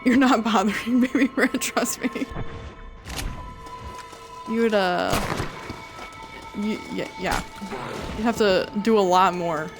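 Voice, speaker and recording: A woman's voice: medium pitch, slow, long pauses, over music. A woman live streamer chatting casually and jokingly with her chat while she plays a video game, swearing freely.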